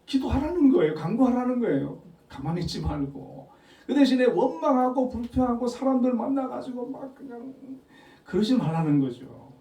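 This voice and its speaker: A male pastor giving a Sunday morning sermon in a conversational, animated storytelling manner with frequent chuckles. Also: very high voice, moderate pace, dull audio. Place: church sanctuary. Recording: echoey hall, voice from a distance.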